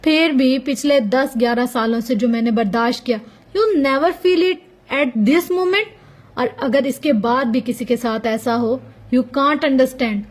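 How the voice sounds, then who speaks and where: A bitter young wife speaks with tired sarcasm, voiced by a woman narrator. Her tone is high and resigned. It sounds like an audiobook. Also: slow pace.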